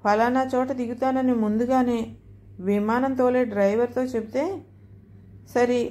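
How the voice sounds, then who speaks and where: A fussy, naive elderly mother-in-law from a storybook, chiding and then begging in a fairly high voice, as a woman narrator puts her on. She scolds easily and muddles things up, yet keeps pressing her case. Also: steady tone, a little slow, dark tone, close to an everyday voice. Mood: pleading. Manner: chiding, pleading, easily confused. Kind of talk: storybook dialogue.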